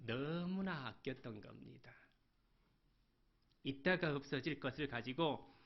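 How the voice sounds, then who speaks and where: A male pastor gives an animated sermon and keeps putting questions to his congregation. His voice sits somewhat high, with a gravelly edge and wide swings in pitch. The recording sounds dull and lo-fi.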